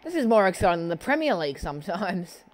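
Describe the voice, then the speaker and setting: A young gamer talks through a football match as he plays, reacting out loud to every near miss and goal. The pitch sits in an ordinary middle range, and the delivery jumps between muttered asides and sudden exclamations, picked up close on a headset. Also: quick pace. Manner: excitable, talks to himself while playing, frequent exclamations. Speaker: gaming channel host. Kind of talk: live gameplay commentary. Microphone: headset headphones.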